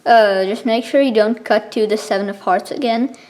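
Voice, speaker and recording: A woman explaining something step by step in a casual, informal tutorial style, with halting pauses between steps. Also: a little high, a little mellow. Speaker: card trick tutorial presenter.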